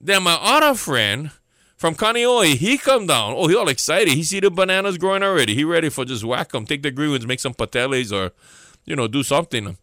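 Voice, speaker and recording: A man preaching with a thick Hawaiian Pidgin accent, his bright, fairly high voice swinging up and down as he tells a homespun story. He keeps turning to his listeners with questions. The sound is close and dry. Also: lively intonation, a little fast, no room sound. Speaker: pastor. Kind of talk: storytelling sermon to a listening audience.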